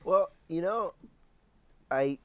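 A man's voice: high-pitched, expressive, slow pace, a bit bright, muffled recording. A man co-hosting a casual podcast, enthusiastic and full of fillers, laughing often. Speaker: podcast co-host. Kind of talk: casual chat.

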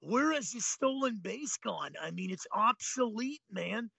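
A man's voice: high voice, animated, unhurried, creaky, bright, forceful tone, slightly rough, dry recording. A man in his late fifties, co-hosting a casual sports talk show in a laid-back, chuckling way. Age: 50s. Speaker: co-host.

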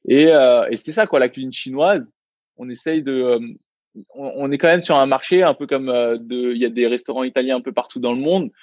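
A man co-founder of a restaurant chats on a podcast, hesitant and full of restarts. His voice sits at a middle pitch. The recording is dry and a little dull. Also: darkish tone, dry recording. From Vietnamese heritage, raised in France. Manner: halting, many fillers and restarts. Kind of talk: casual podcast interview.

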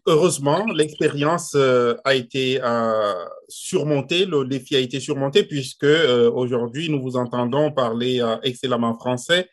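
Halting male interviewer. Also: mid-range voice. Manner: halting, many fillers and repeated words. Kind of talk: interview questions.

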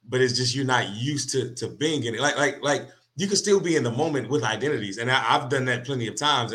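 Male podcast co-host, bright tone, thinks aloud with many restarts. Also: mid-range voice. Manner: searching, halting, many restarts. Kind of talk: reflective casual conversation.

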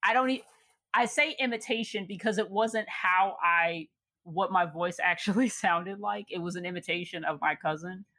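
Young woman from chicago, bright voice, lower pitch, laughs a lot, dry sound. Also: moderate pace, no echo. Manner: laughs often, reflective, many fillers. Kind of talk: casual storytelling conversation.

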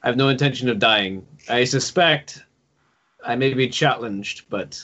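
A man role-playing a calm, noble and determined adventurer in a tabletop game, speaking in a composed, formal, measured way. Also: mid-range voice, muffled recording. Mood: calm resolve. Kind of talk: in-character tabletop role-play.

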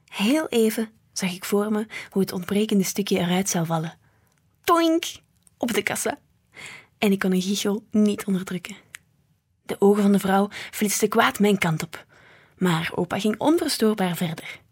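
A woman reading a children's book aloud in a lively, expressive way. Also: medium pitch, normal speed, husky. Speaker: storybook reader.

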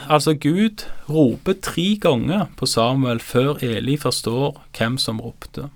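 A man acting as a Bible teacher, giving calm, explanatory commentary on scripture. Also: medium pitch, no echo.

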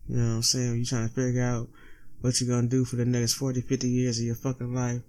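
A man's voice: mid-range voice, completely flat delivery, fast talker, mellow. Stoned, slangy male podcast host. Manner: slangy, heavy swearing. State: stoned, sluggish from being high. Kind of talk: casual solo podcast monologue.

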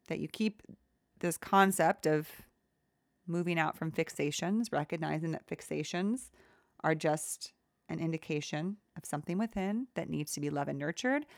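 A woman hosting a solo podcast, talking in a soft, gentle and soothing way as she reflects aloud. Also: low voice, dry recording, clean studio sound. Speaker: podcast host.

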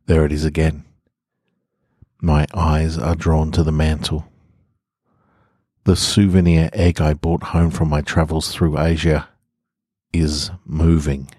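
A rumbling, mellow, husky voice belongs to an Australian man who hosts a podcast and reads stories, speaking close to the mic in a garage with no echo. After a relaxed introduction, he shifts into narrating horror in the first person.

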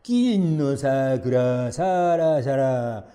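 A man doing a greedy loudmouth old man. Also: mid-range voice, expressive. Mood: bellowing. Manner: loud, slow, shouting chant. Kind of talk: storybook reading.

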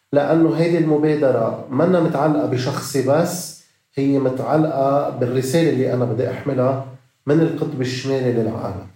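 A man's voice: medium pitch, mellow. A man with a Lebanese accent telling his own story in an interview, slipping English words into his speech. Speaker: interview guest, activist. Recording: roomy echo.

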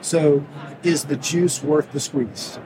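A man with a slightly raised voice explains his points earnestly, leaning on plain, homely comparisons. The interview was caught live on a trade show floor, and steady crowd noise sits behind him. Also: on the high side, takes it slowly. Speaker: orthodontist. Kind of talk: conversational interview. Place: exhibit hall floor. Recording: noisy trade show hall.

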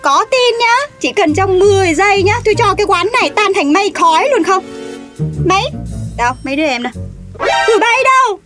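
A theatrical young woman, as an actress plays her, shrill and very high, wailing and blustering in a comic audio play. Soft music plays underneath her voice. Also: animated, fairly quick. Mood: brash. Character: brash melodramatic young woman, whiny and theatrical. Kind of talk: comedic audio drama.

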